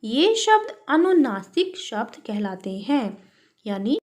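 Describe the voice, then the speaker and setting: High-voiced teacher talking to children. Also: female voice, very animated, slow pace. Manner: addresses the children warmly as "beta", asks and answers her own questions. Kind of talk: worksheet lesson for children.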